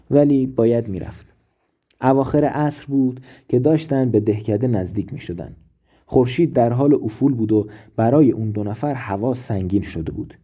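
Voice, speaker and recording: A man narrating a scripted story in a measured, dramatic way. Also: mid-range voice, warm tone, breathy edge.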